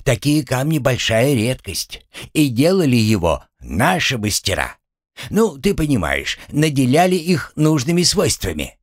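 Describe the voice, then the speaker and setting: A man's voice: medium pitch, sing-song, measured pace, no echo, studio quality, pitched above the performer's own voice. A man voicing a squabbling, boastful little male creature who squeals when angry, in a read-aloud story. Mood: eager. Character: squabbling short male creature, cursemaker, boastful and hot-tempered.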